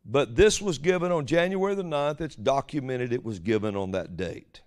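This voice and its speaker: A male preacher delivers an informal sermon on prophecy. His talk is folksy and rambling, sitting at a medium pitch. He often stops to put a rhetorical question to the people listening before carrying on. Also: expressive, normal speed.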